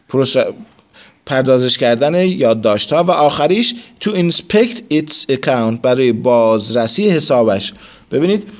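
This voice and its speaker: Man teaching English vocabulary step by step. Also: medium pitch. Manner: explains word forms step by step, mixes in English terms; reads English phrases slowly, then translates. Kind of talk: classroom vocabulary lesson.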